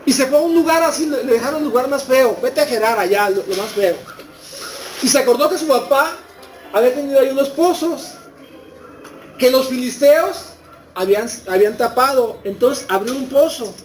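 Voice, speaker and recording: A man's voice: extremely high pitch, normal speed, music in the background, rough recording. Mexican man preaching a storytelling sermon. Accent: Mexican Spanish. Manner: retells scripture as a lively story and poses rhetorical questions to the congregation.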